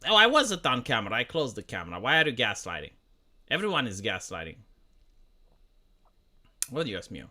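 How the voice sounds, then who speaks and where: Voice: medium pitch, sing-song, a little fast, pauses often, sharp tone. Rambling streamer in their thirties. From Romania. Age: 30s. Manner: rambling, profane, full of restarts. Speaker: livestreamer. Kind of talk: casual livestream commentary.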